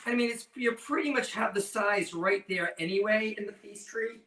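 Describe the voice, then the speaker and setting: A man's voice: sits high, normal speed, bright, forceful tone. Campy drag queen host, echoey room. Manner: campy drag queen banter, playful innuendo. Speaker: host of a cooking demonstration. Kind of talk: casual live cooking show chat. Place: indoor kitchen with stone counter. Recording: roomy echo, distant mic, faint noise.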